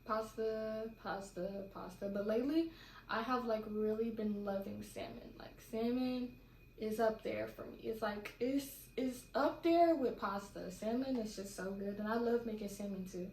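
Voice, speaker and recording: A woman's voice: fairly high pitch, moderate pace, darkish tone. A young woman from California chatting casually and rambling through a Q&A vlog at home. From California, USA. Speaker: vlogger. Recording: echoey room with faint background noise.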